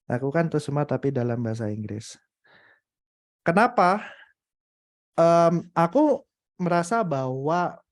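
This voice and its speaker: Animated young man with a dry sound. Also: on the high side, no echo. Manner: animated, with frequent hesitant fillers. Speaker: webinar speaker. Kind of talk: casual motivational webinar talk.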